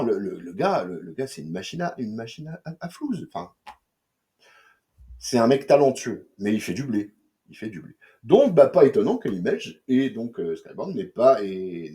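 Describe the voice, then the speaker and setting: A man's voice: mid-range voice, a little mellow. A man reviewing comics in casual chat, slangy and joking, rambling with many fillers and restarts.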